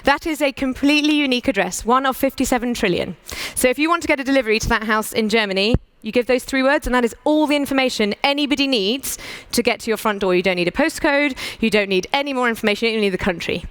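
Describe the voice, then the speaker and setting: A woman's voice: fairly high pitch, fairly bright tone, smooth, no room sound. Persuasive British woman giving a conference talk. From United Kingdom. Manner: brisk and persuasive, with rhetorical questions. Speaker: conference speaker.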